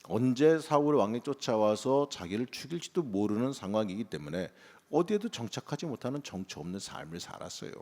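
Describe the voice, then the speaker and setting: A man's voice: mid-range voice, sing-song, fairly quick, hardly any pauses, mellow. A male pastor preaching a morning sermon, talking in a conversational way and rising into emphatic bursts. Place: church sanctuary. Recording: long church reverb.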